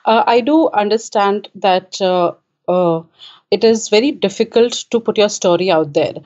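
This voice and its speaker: With a mid-range, darkish voice at a moderate pace, and highs cut off in the recording, an author from Kuwait talks as a guest in a casual interview at home in Richmond. She sounds hesitant and uses filler sounds often.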